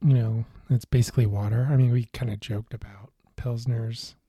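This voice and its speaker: Mellow, husky-voiced man co-hosting a podcast. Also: mid-range voice, normal speed, no echo, studio quality. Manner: relaxed, hesitant, with many fillers and restarts. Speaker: podcast co-host. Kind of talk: casual beer-tasting chat.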